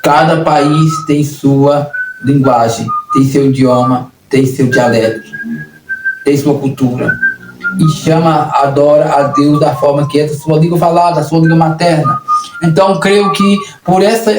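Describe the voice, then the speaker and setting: A Brazilian man preaching a sermon in an earnest, repetitive way, often restarting his phrases. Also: on the high side. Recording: echoey room, distant mic, noisy.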